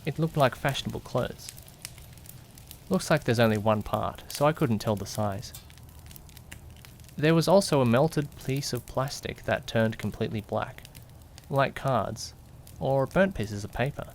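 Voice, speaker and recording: A mid-range man with a natural voice keeps a measured pace and long pauses, a little hiss or hum in the recording. He narrates an amateur mystery audio drama in first person as the curious, jittery young companion of a detective, with suspense and questioning asides. Here he comes across puzzled and uneasy.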